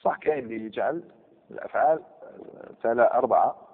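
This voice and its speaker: Male grammar teacher, lively classroom lecture, thin phone-like sound, long hall echo. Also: mid-range voice, fast, breathy edge. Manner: lively, questions the students and repeats words.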